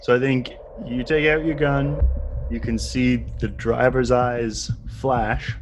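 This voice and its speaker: A man narrating a tabletop game as game master, relaxed and playful. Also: medium pitch, takes it slowly, noisy background.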